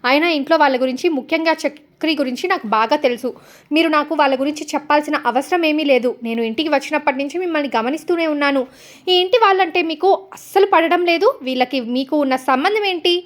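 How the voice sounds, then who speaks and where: A woman voicing a proud young bride who speaks firmly and confronts others, in a high, quick voice. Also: natural voice. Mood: defiant. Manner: firm, confrontational.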